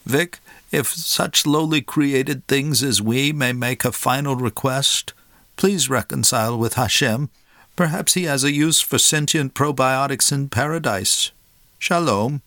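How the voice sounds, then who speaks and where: A man's voice: mid-range voice, measured pace, bright, forceful tone, no echo, clean studio sound, voice pushed up. A man voicing a polite, loyal male AI made of nanites, speaking courteously and deferentially. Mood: gentle.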